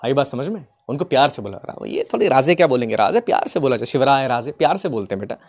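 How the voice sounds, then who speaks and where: A man teaching history as a story in a casual, affectionate way. He acts out the figures' lines in quick asides and keeps asking his students whether they have understood. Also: mid-range voice, big pitch swings, a little mellow. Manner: keeps checking if students follow, affectionate, addresses them as kids.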